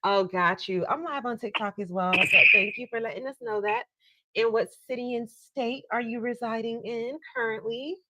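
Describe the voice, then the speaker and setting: A woman's voice: fairly high pitch, moderate pace, pushed and bright, no room sound, muffled recording. An American woman hosting a live call-in tarot show, chatting casually in a folksy, encouraging way and speaking straight to her listeners. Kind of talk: casual live-stream chat with callers.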